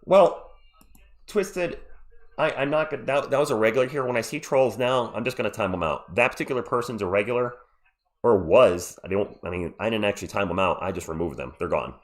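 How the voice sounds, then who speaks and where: The man talks briskly in a fairly low voice. Nursing a cold, he calls the action on a casual live stream and jokes with his viewers.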